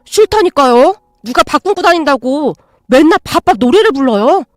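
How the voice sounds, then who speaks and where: A woman voicing a greedy, rude grown son who talks in a loud, demanding way. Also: high-pitched, moderate pace, dry recording, clean studio sound, natural voice.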